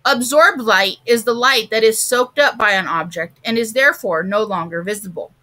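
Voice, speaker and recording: A woman reading the lines of a patient man explaining science to children in a storybook, in a calm explaining tone. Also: a little high, moderate pace.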